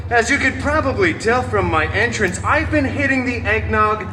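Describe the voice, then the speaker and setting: At an outdoor theme park stage, a man plays a snarky, hammy masked antihero hosting a live storytime show, sarcastic and theatrical, cracking fourth-wall jokes at the audience. His high voice has lively intonation at a moderate pace. The mic is distant and roomy, with music and background noise behind him.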